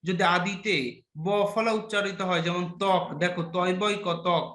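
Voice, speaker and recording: A young male teacher gives an online class. He quizzes his students and teases them playfully. His high, bright voice sounds in an echoey room. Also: little pitch movement, moderate pace. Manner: quizzes students and praises answers, playful teasing.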